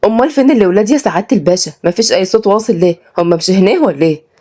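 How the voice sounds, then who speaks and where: Lady putting on a feisty upper egyptian nanny, talks higher than the narrator, quick and blunt. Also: expressive, lightly acted. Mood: puzzled. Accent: Upper Egyptian Arabic. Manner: blunt, scolding, sharp-tongued. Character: fierce young Upper Egyptian woman nanny.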